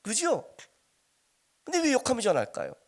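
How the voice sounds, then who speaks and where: Animated Korean pastor, high lively voice. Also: male voice, moderate pace. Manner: animated, conversational preaching with rhetorical questions to the congregation. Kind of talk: sermon.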